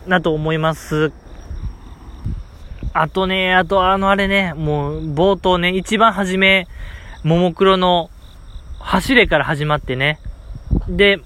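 A man's voice: on the high side, fairly bright tone. A man with a Kansai accent hosting a solo podcast, rambling enthusiastically with lots of fillers. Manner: rambling, enthusiastic fan chatter with frequent fillers. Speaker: podcast host. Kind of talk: casual solo podcast talk.

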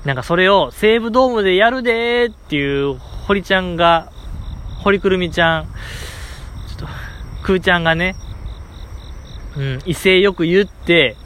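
A man's voice: sits high, normal speed, long pauses, a bit bright, a little hiss or hum. A man with a Kansai accent hosting a solo podcast, rambling enthusiastically with lots of fillers. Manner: rambling, enthusiastic fan chatter with frequent fillers. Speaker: podcast host. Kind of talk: casual solo podcast talk.

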